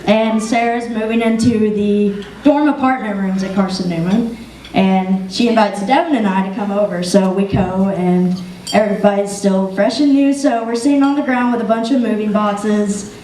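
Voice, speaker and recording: A woman's voice: medium pitch, normal speed, warm tone. A young woman giving an emotional wedding toast as the best friend, laughing often and close to tears. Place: wedding reception room. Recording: echoey room, distant mic, faint noise.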